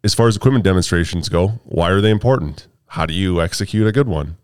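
This podcast host is a man with a deep, smooth voice who talks fast. Recording in a studio, he's playful, joking around and laughing frequently on a relaxed show.

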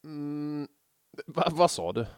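Male podcast host, chatty and self-mocking, slightly high voice, dry close sound. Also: animated, clean tone, no room sound. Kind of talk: casual chat.

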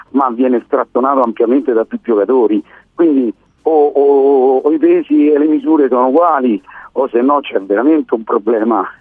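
A man calling in to a sports radio show with a hoarse voice that is giving out, voicing his opinions. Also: mid-range voice, no echo. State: hoarse, voice giving out after the stadium. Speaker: phone-in caller. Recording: tinny narrow phone line.

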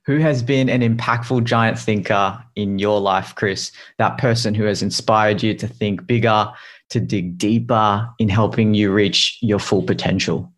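A man's voice: lowish voice, fairly even intonation, a little slow. A man hosting an interview, asking his guest questions in an encouraging way. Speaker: podcast host. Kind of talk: interview conversation.

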